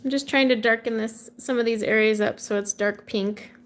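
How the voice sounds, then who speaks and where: Brief: woman, thirties, relaxed chatty stream host, voice a touch high. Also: normal speed. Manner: chatty, reads out and answers viewer comments with light laughs. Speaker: livestream host coloring with viewers. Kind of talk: casual chat while coloring.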